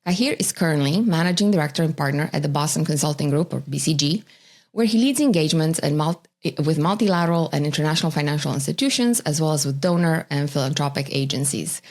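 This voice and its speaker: A woman hosting a podcast, reading a measured introduction and asking questions. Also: deep voice, a little mellow. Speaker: podcast host. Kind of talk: scripted introduction and interview questions.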